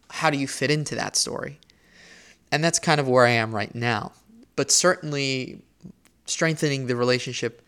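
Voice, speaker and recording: A young man from Spain with a medium-pitched, slightly bright voice hosts a solo faith podcast. He speaks earnestly and reflectively, often restarting and repeating words as he thinks out loud.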